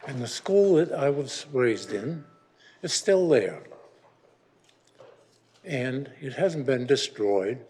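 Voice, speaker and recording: A man's voice: medium pitch, animated, slow pace, long pauses, warm tone, a little hiss or hum. A man in his eighties giving a rambling, grumbling public comment at a city council meeting. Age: 80s. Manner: rambling and grumbling, with frequent restarts.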